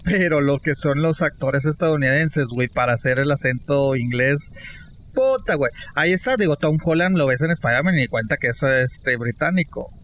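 A man with a Mexican accent, chatting casually as a podcast co-host, slangy and animated, laughing often. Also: on the high side, normal speed, slight background noise. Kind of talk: casual chat.

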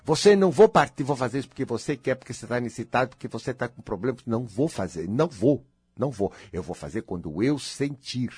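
A man's voice: mid-range voice, lively intonation, fast, few pauses, darkish tone, husky, dry recording, studio quality. A Brazilian man lecturing an audience on spirituality, emphatic and repetitive, driving his points home. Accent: Brazilian Portuguese.

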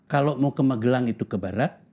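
Husky older man reminiscing, tinny sound. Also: medium pitch. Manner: unhurried, repeats words for emphasis, with pauses. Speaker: interviewee. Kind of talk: reflective storytelling in conversation.

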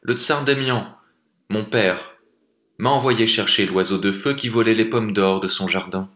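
Young storybook prince, naive, pleading, man doing the voice, bright tone, echoey room. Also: unhurried. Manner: pleading, higher than the narration. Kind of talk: storybook reading.

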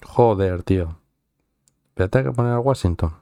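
A man's voice: sits low, expressive, moderate pace, warm tone, dry recording, studio quality. A man from central Spain with a central Spanish accent, chatting casually on a live stream, joking, swearing often and laughing at himself.

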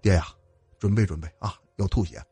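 A man's voice: deep voice, steady tone, a little fast, dark tone, breathy edge, no echo, soft background music, pitched below the performer's own voice. A man voicing a blunt, impatient grown son talking to his dying father in a folk tale.

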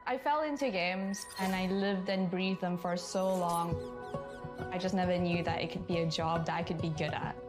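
A woman's voice: lowish voice, moderate pace, music in the background. A woman from Malaysia who designs video games, speaking earnestly and reflectively in a documentary interview.

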